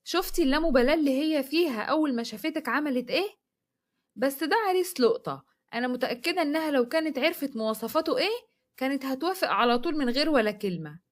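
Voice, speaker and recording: A woman's voice: sits high, animated, fast talker. A woman with an Egyptian accent voicing a harsh, bossy middle-aged mother who scolds and threatens her daughter. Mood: complaining.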